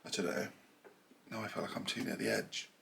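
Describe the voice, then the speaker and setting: This lowish, gravelly male voice with a fairly bright tone moves a little fast over slight background noise. He's a southern English knitting vlogger, accent to match, rambling casually to his camera mic from a small cluttered room at home, self-deprecating and a bit nasal and bunged up.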